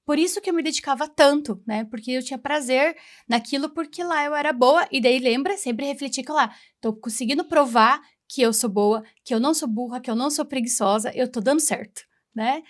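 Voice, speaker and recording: A woman's voice: sits high, a little fast. A woman in her forties, a guest on a talk show, sharing a personal testimony in an earnest, reflective way and acting out remembered conversations. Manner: acts out remembered dialogue. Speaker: interview guest, women's mentor.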